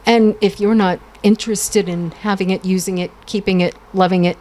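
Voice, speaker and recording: A woman's voice: mid-range voice, fairly even intonation, moderate pace, darkish tone. A woman with an American accent interviewing casually, encouraging, with many short agreements.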